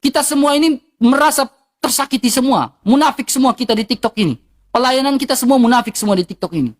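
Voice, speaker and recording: A woman's voice: high-pitched, fast talker. A woman with an eastern Indonesian accent, ranting heatedly and bluntly to her livestream viewers, repeating herself for emphasis.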